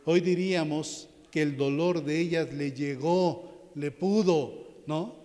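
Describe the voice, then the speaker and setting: A man preaches a sermon in a church, his voice sitting a little high for a man. He speaks to the congregation as brothers and climbs in pitch and force as he drives each point home. A long reverb hangs on his words. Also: slow pace, mellow. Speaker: pastor. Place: church sanctuary.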